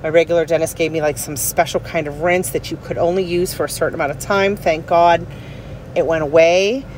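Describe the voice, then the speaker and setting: A woman's voice: low voice, fairly even intonation, a little fast, a little mellow, slight background noise, low-quality recording. A woman in her forties chatting casually about a personal experience in a rambling, emphatic, conversational way. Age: 40s. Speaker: vlogger.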